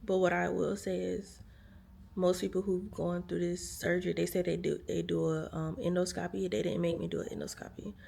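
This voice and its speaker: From a hospital room, an exhausted American woman talks to her viewers, whom she calls "y'all," in chatty, filler-laden storytelling to camera. Her lowish voice is level, brisk, creaky, husky and mellow.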